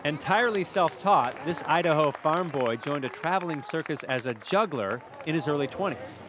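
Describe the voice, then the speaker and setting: A man delivers scripted TV feature narration in a fairly high voice. He builds up playfully and dramatically in short, punchy phrases. Crowd chatter and outdoor noise are clearly heard behind him. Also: animated, moderate pace. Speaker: TV feature reporter. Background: outdoor fair crowd and ambience.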